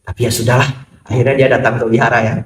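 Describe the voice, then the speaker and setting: A Buddhist monk giving a sermon to an audience, telling stories and acting out little dialogues with humor. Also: male voice, medium pitch, racing. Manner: lively storytelling, acts out dialogues, jokes with audience. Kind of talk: Dhamma sermon. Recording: roomy echo, distant mic, faint noise.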